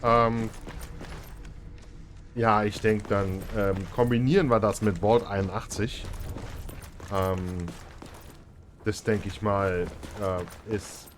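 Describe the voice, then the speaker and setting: A man's voice: fairly low pitch, fairly even intonation, slow, pauses often, a little hiss or hum. A man hosting a let's play, thinking aloud in casual game commentary.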